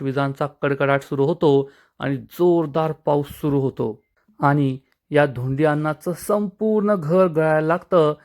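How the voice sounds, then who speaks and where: A man narrating a recap of a TV serial episode, retelling each scene plainly and voicing every character himself. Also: a little high. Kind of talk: scripted narration.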